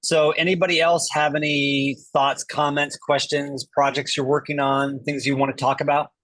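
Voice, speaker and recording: A man hosting an online meetup over a video call with a bad internet connection, talking casually with halting restarts. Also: a little high, flat delivery, a bit bright. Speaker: meetup host.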